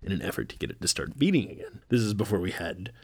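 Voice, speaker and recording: A man co-hosting a podcast in casual chat, animated and profane, often laughing. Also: low-pitched, quick pace, vocal fry, husky, no room sound. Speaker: podcast co-host.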